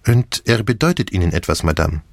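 Brief: a vain clever detective with a French accent, lively and exacting, recorded dry and close. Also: male voice, deep voice, a little fast, gravelly, no room sound, full character voice. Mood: courteous probing. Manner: precise, lively, theatrical, French interjections. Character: fussy clever Belgian male detective, middle-aged. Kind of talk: audiobook character reading.

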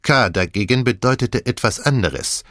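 A man's voice: medium pitch, lively intonation, normal speed, fairly bright tone, no room sound, studio quality, voice pushed up, natural voice. A man voicing a fussy, commanding elderly Belgian detective who speaks German with a French accent in a precise, formal way. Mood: explaining. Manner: precise, formal, lightly theatrical.

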